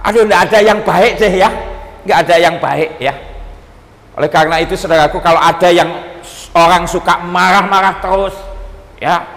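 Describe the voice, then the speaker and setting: A man pastor preaching a sermon, animated and joking, often calling out to his listeners. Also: high voice, moderate pace. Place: church seminar hall. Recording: long hall reverb.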